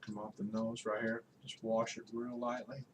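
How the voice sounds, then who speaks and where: A man teaching a drawing lesson, relaxed and instructive, talking as he works and pointing out each line. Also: lowish voice, moderate pace, noisy background. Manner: relaxed, instructive, talks while working with frequent pointing words. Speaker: art instructor. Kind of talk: drawing tutorial walkthrough.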